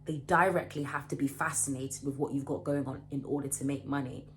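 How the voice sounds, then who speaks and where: A woman in her late twenties speaks in a low voice, giving a casual motivational talk to camera. She is animated and emphatic, often repeating and restarting her phrases. A faint hum sits under the recording. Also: brisk. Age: late 20s. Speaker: vlogger.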